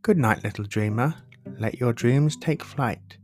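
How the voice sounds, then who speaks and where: A man reading a rhyming bedtime story aloud as a storybook narrator, in a measured delivery. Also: medium pitch, darkish tone. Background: plucked guitar music.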